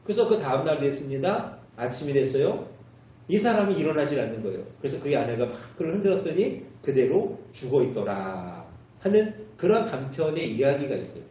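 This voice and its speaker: A pastor delivers his sermon with a mellow, soft-edged voice that climbs and drops as he tells his story. He stands well back from the microphone. The church sanctuary rings with heavy echo around every word. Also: mid-range voice, sing-song, a little fast. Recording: very echoey church hall, mic far off.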